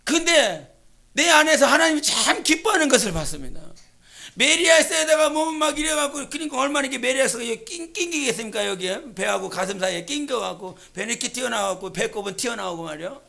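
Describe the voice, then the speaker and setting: A woman pastor preaching a sermon at an evening church service. She moves between soft storytelling and shouted exhortation. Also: a little high, lively intonation, fast talker, gravelly.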